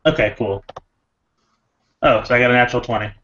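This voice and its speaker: A man's voice: medium pitch, fairly quick, a bit bright, muffled recording. A man playing a tabletop role-playing game, narrating his character's actions in a rambling way with many fillers. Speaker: player. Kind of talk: casual tabletop play and narration.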